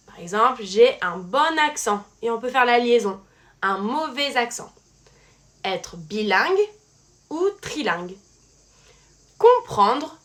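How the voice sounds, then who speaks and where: A woman teaching a French language lesson in a clear, scripted delivery. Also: fairly high pitch, fairly bright tone.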